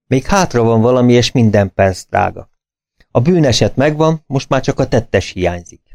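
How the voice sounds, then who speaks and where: A man voicing a sharp, decisive male detective with a brisk, clipped delivery in a storybook reading. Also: medium pitch, animated, vocal fry.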